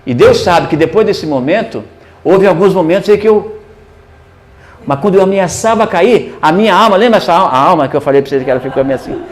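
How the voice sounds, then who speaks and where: Animated pastor preaching a sermon. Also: male voice, high-pitched, brisk. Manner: animated storytelling, swings between hushed and emphatic.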